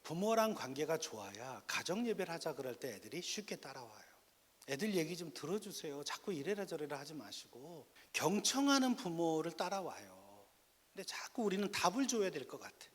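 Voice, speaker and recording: A middle-aged male pastor with a husky, somewhat high voice lectures parents in a church hall at normal speed. He tells lively stories and appeals directly to his listeners.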